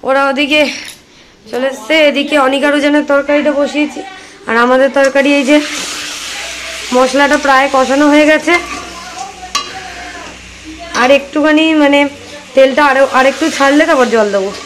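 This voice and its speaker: A young mother talks straight to her viewers in an easy, chatty vlog manner. Her voice sits a little high for a woman, and she walks them through her day at home and out. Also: steady tone, moderate pace, pauses often, background noise. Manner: chatty, addresses viewers directly. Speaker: vlogger and mother of twin boys. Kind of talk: casual family vlog.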